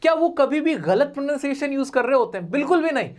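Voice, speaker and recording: A man teaching a spoken English video lesson. He talks earnestly and directly, keeps checking in by asking whether the viewer has understood, and slows down to model English words one by one. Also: very high voice, animated.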